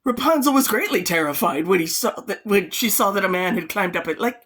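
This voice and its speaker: A woman's voice: medium pitch, animated, fairly quick, a bit bright. A woman reading an old fairytale aloud in a casual way, breaking off now and then for wry comments. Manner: chatty, adds wry comments between passages. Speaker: storyteller.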